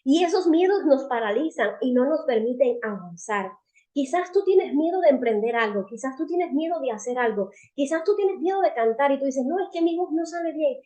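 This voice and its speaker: Woman speaker, warm, slightly high voice, earnest devotional teaching that speaks straight to her listeners. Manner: earnest, asks the audience rhetorical questions; addresses listeners directly as friends and sisters. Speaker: women's seminar speaker.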